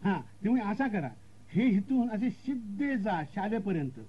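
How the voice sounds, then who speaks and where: A man's voice: high voice, animated, moderate pace, breathy edge. A man voicing a rustic village paan seller who gives rambling directions in country speech, on a dull lo-fi recording.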